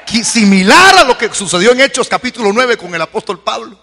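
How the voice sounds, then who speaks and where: Fervent high-voiced preacher. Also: male voice, animated, brisk, in a large hall, some chatter behind. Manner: fervent, swings to shouted peaks, repeats calls to convert. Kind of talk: evangelical sermon.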